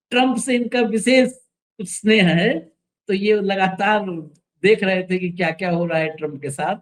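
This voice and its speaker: A man's voice: high voice, poor audio. Guy doing a news commentary show, sarcastic, leans hard on words, tells the crew to roll the clip. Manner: sarcastic and emphatic, directs the studio crew.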